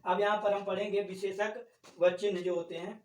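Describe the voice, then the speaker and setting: With a high, level, slightly mellow voice at normal speed, a man teaches Hindi grammar in the manner of a classroom lesson. He explains step by step, repeating key terms and posing questions he answers himself, while a distant mic captures him in an echoey room.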